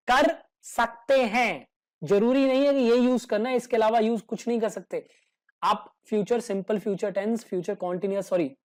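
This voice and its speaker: A man's voice: sits high, darkish tone. A man teaching English grammar in a casual, joking way, acting out little everyday dialogues as examples. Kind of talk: grammar lesson explained in Hindi with English examples.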